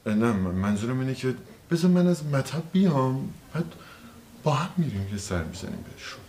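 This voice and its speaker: An actor playing a flustered young husband and doctor in a sitcom, defensive and pleading, lecturing when cornered. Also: male voice, medium pitch, sing-song, darkish tone, lightly acted. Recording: roomy set with faint noise.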